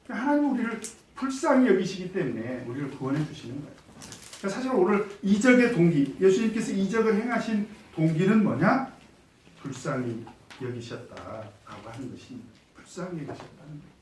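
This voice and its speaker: A man's voice: sits high, sing-song, a little fast, a little mellow, slight background noise. Man teaching a Bible study in an echoey room. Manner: asks the group questions and answers them himself, acts out quoted speech. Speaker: pastor leading a Bible study. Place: church room. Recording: echoey room, mic at a distance.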